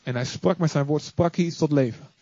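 A man preaching an animated sermon to a congregation, acting out stories and asking the listeners to join in. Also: on the high side, brisk, no echo. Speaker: pastor. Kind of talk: lively sermon. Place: church before a congregation. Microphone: recorded live. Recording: slightly muffled, dry.

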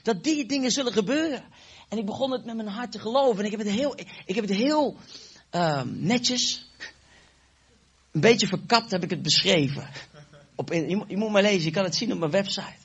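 A high-voiced man preaches with a husky edge, acting out every line of dialogue as he tells his testimony. The sound is dull and a little lo-fi. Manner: animated storytelling, acting out dialogue. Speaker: evangelist preacher. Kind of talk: sermon testimony.

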